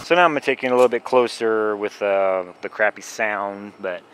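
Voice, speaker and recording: A man's voice: lowish voice, fairly quick, a bit bright, clear, resonant tone. Rambling young man filming outdoors in his yard. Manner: rambling, folksy, repeats himself with restarts. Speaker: home lawn care vlogger. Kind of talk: casual how-to talk. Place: backyard lawn outdoors. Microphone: camera mic on a tripod some distance away. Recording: distant camera mic outdoors with faint insect noise.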